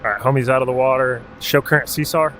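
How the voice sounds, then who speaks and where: Talking fast in a medium-pitched voice, a man from Alaska gives relaxed, profane commentary while streaming a helicopter game. He calls out clock directions and ranges, and there's slight background noise.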